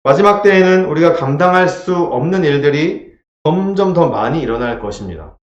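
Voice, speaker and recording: A man's voice: fairly high pitch, animated, normal speed. A male pastor preaching a sermon, emphatic, repeating lines and asking the congregation rhetorical questions. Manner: acts out scripture quotes in a dramatized voice. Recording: roomy echo, dull lo-fi sound.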